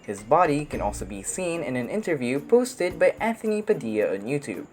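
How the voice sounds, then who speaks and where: Casting: woman narrator, unusually deep voice, animated delivery of formal scripted documentary copy. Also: fairly quick, over music.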